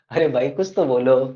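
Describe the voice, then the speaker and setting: A man teaches an online grammar class, playfully teasing his students as he explains and fondly calling them kids. His pitch is fairly high, and the audio sounds dull.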